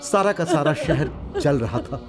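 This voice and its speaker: An actor dubbing a boisterous auto driver in a Hindi film, loud and bantering. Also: male voice, sits high, lively intonation, a little fast. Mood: somber. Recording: film soundtrack with music behind.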